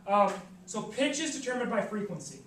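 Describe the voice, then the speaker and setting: A woman's voice: mid-range voice, very animated, fairly quick. Upbeat woman teaching a chemistry class. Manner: upbeat, questioning, coaxing students. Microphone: camera across the room. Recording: echoey classroom, distant camera, noisy.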